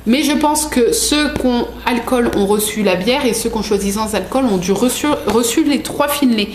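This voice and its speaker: A woman's voice: fairly high pitch, normal speed. A woman vlogging an unboxing in a casual, rambling way, full of fillers and self-corrections. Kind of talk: casual chatty product unboxing. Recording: echoey room with faint background noise.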